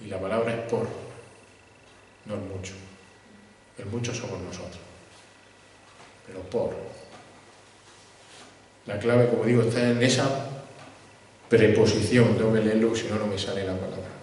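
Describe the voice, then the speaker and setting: Male preacher, measured expository delivery, recorded far off in a reverberant church hall with faint background noise. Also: lowish voice, fairly even intonation, darkish tone. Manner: measured, stresses key words slowly. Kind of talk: expository sermon.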